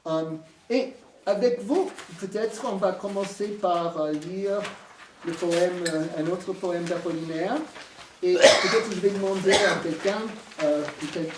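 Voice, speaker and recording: A man with an American accent giving a halting talk about his book, full of fillers and restarts. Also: sits high, noisy background. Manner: hesitant, many fillers and restarts. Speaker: author presenting his book. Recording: echoey room from far off.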